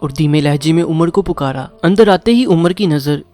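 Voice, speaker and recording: A man narrating a moral story in a measured storytelling voice. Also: on the high side, a little mellow. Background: faint music.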